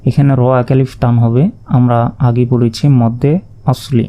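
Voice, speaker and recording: A man teaching Quran reading step by step, spelling out each letter and vowel mark, then reciting the sounds slowly and drawn out. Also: medium pitch, level tone, dark tone. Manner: patient, repeats and asks himself questions. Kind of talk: step-by-step lesson.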